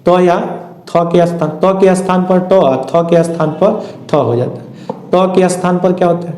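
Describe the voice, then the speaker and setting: A man's voice: high-pitched, warm tone. A man teaching a lesson, asking his own questions and then answering them as he works through each rule. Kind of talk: classroom lesson. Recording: echoey room.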